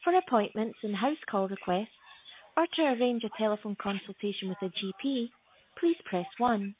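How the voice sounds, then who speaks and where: A woman reads a recorded phone menu, calm, measured and formal. Her voice comes through a thin, tinny phone line. Her pitch sits in an ordinary middle range. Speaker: phone system announcer. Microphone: phone line playback.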